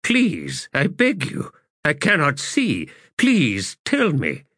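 A man's voice: a little high, huge pitch swings, slow pace, a bit bright, husky, dry recording, studio quality, voice pushed up, exaggerated voice. A man voicing a blind, grief-stricken old man who begs and confesses his guilt in an anguished, pleading way.

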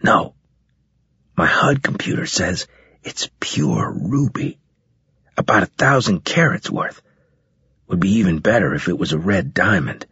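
A man voicing an eager young male soldier recruit who asks quick, wheedling questions, with a breathy voice. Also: low-pitched, lively intonation, bright, forceful tone, no echo, muffled recording, exaggerated voice. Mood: hushed.

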